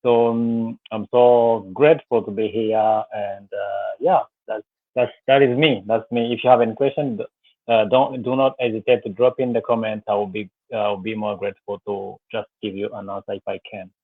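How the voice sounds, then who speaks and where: A Rwandan man in his 30s, a business coach appearing as a guest, tells a personal story in a live interview, speaking earnestly about faith with many fillers and restarts. His voice is fairly low and fairly even, at a moderate pace. The tinny, phone-like line is dry, with no echo.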